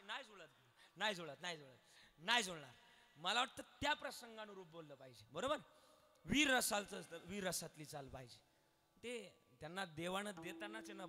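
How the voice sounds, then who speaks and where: A man preaching a devotional sermon, quizzing the crowd and urging them to answer aloud, swinging from soft asides to loud declamation. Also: sits high. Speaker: kirtan preacher. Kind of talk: devotional sermon with call-and-response. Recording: long hall reverb.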